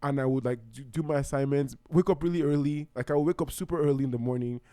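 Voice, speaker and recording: The host is a young Nigerian man chatting alone on his podcast, warm and casual, rambling as he keeps restarting sentences. His voice is medium-pitched, fast and mellow, and the studio-quality recording has no echo.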